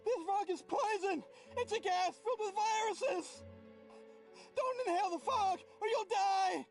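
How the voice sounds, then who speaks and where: Casting: hysterical townsperson, piercingly high, wildly swinging shrieks, game scene with loud music. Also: female voice, unhurried. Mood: hysterical panic. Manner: shrieking, crying out. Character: panicked hysterical townsperson raving about poison fog. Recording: music behind the voice.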